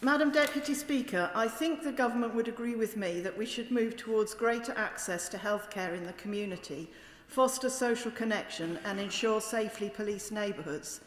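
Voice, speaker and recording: A British woman speaking as a member of parliament, delivering a formal, emphatic and critical debate speech in measured oratory. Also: fairly high pitch, slight background noise. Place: large indoor debating chamber. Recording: echoey chamber with long reverb.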